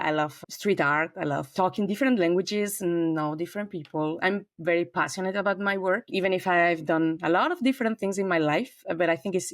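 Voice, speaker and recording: Chatty Spanish-accented woman in her forties, lower register, dry close sound; podcast guest on a call. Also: dry recording. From southern Spain. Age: 40s. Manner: talkative, warm and expansive, frequent fillers. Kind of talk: conversational interview. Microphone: remote call.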